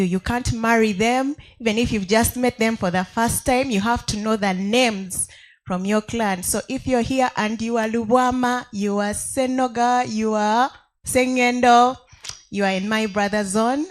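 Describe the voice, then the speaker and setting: A woman from Uganda with a Ugandan accent, talking informally and playfully to an audience. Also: medium pitch. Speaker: audience participant.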